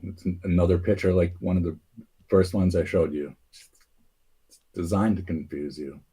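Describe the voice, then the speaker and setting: A man with a low, husky voice talks casually as host. He rambles, restarting sentences and filling pauses with "um" and "uh". His tone stays mellow and dark throughout. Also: steady tone. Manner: rambling, hesitant, many fillers and restarts. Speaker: podcast host. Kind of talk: casual conspiracy talk.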